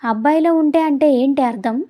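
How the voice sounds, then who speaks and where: A grumpy young man in a love-story audio drama, read aloud by a woman narrator. He scolds in short, gruff bursts, yet the voice sits fairly high and warm. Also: brisk, close to an everyday voice. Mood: annoyed. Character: irritable young man, stern yet softening.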